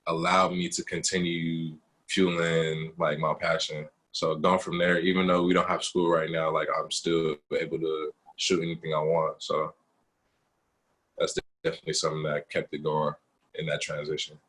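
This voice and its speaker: A young man, a photographer guest, chatting casually in an interview and telling animated stories full of fillers. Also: a bass voice, normal speed, poor audio. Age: young adult. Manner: animated storytelling with lots of fillers.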